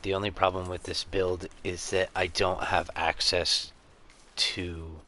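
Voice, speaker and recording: A man with a stuffy nose giving relaxed, casual commentary while playing a game, muttering to himself. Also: sits low, a little slow. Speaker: gamer.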